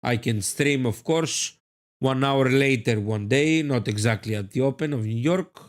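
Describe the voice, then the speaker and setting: A man's voice: mid-range voice, a little slow. A man hosting a live trading stream, talking unhurriedly and addressing his viewers directly.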